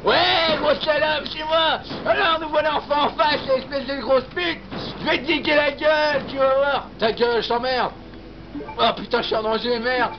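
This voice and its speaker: Man clowning as a high-voiced crude rookie cop. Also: fairly even intonation, moderate pace, background noise. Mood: whiny, aggressive. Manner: crude, goofy, exclaiming. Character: foul-mouthed, clowning young male rookie policeman. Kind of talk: amateur comic parody game dub. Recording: dull lo-fi dub under loud music.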